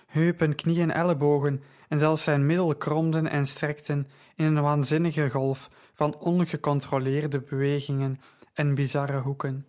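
Male narrator reading a story, slow steady pace, flat delivery, somewhat high voice. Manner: measured, even storytelling. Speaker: audiobook narrator. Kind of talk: scripted narration.

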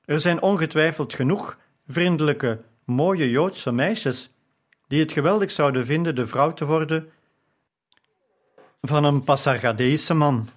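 A man's voice: fairly high pitch, a little slow. A man voicing a defiant young scribe woman. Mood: pleading.

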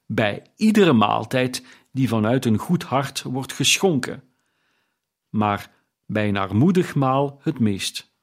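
A man's voice: mid-range voice, expressive, slow pace. A man voicing a giant, kindly Christmas spirit who speaks emphatically, stressing single words, in an audiobook reading. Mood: solemn, emphatic. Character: giant jovial male Christmas spirit, kindly but stern.

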